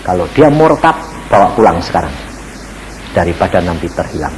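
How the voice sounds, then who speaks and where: A middle-aged male pastor giving a testimony sermon, telling his story in a lively way and acting out the voices of the people in it. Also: sits low, moderate pace, slight background noise, rough recording. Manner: animated storytelling, acts out quoted voices, addresses audience as "saudara".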